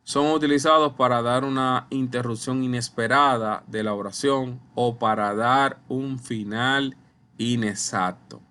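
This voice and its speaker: Male teacher, slow and deliberate, recorded lesson over slides, mid pitch. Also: steady tone, bright, forceful tone, clean tone. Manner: slow, deliberate explaining, addresses viewers as ustedes. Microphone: computer mic while writing with a mouse.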